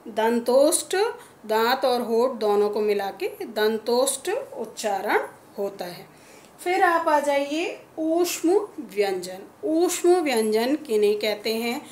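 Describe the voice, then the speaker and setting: Woman teacher with a Hindi accent, higher pitch, slow and patient, echoey room. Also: expressive, a little mellow, slight background noise. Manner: slow, patient, repeats sounds one by one. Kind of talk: classroom lesson on pronunciation. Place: school classroom.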